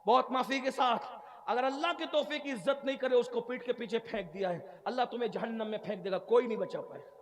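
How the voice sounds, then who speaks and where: A male preacher with a strikingly high-pitched voice delivers an impassioned sermon at a religious gathering. He swings from urgent pleading into shouted, chanted Arabic verses, speaking with fervent conviction. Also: fast. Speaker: Islamic preacher.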